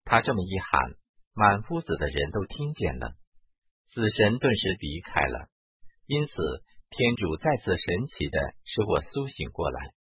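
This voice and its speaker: A man narrating a spiritual autobiography in a slow, reverent, measured reading style. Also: low-pitched, sing-song, husky, no echo. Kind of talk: solemn devotional reading. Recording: dry, phone-like narrow band.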